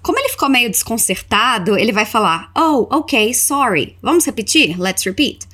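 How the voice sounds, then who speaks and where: A woman with a lively, high-ish voice gives an English lesson for Portuguese speakers. Her explanations run quickly, while her model phrases come slow and stretched out for learners to repeat. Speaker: English teacher.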